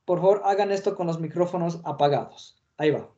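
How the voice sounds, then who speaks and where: A man's voice: a little high, a little fast, mellow. A man teaching an English lesson online, explaining patiently with fillers, in dull lo-fi audio.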